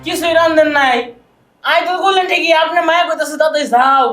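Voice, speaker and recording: An actress plays a sharp-tongued young in-law who argues back fast, in a comedy short film. Her voice is high, recorded in an echoey room. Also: soft background music. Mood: arguing.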